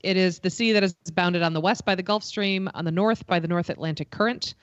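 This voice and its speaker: A woman with an upstate New York accent, from Buffalo, hosts a trivia game in a fairly low voice. She moves between reading answers and casual banter. The recording is dry and a little dull. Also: fairly quick, no room sound. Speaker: trivia quiz host.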